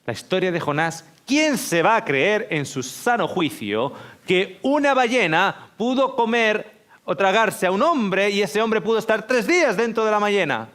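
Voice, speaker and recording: A scoffing schoolteacher, as a preacher puts him on, drawing out his words slowly and loudly. The voice sits a little higher than usual for a man. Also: animated. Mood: scornful. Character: scoffing male schoolteacher mocking a story.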